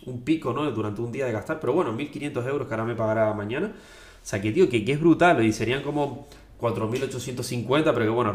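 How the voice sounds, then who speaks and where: A young man from Tenerife in his twenties, talking excitedly in a casual motivational vlog and dropping slang fillers as he goes. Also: medium pitch. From Tenerife, Spain. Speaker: online coach and affiliate marketer. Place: indoors at home. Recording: echoey room.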